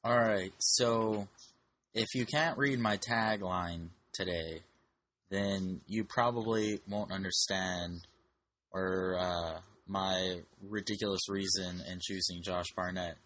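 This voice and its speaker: Low-voiced man, wry and self-mocking. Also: fairly even intonation, slow, a bit bright. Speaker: podcast panelist. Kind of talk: casual fight-prediction chat.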